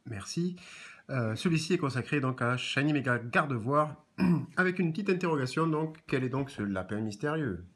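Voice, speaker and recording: A man with a husky, mid-pitched voice hosts a laid-back chat as he opens trading card packs. He jokes along and leans on small fillers and restarts. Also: lively intonation, moderate pace, a bit bright. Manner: joking, chatty, frequent "donc" and "euh" fillers. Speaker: host of a card-opening channel. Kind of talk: casual chat while opening trading cards.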